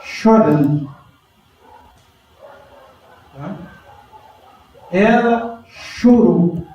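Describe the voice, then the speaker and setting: A man preaching a lively sermon and quizzing his congregation by name. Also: sits high, very slow, very echoey, recorded from a distance, dull audio. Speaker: pastor.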